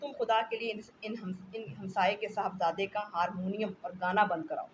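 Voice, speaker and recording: A woman's voice: medium pitch, steady tone, moderate pace, lo-fi sound, close to an everyday voice. A woman reading the part of a sick husband complaining about the noise at home. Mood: irritable. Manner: complaining, exasperated. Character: sick, irritable husband in bed.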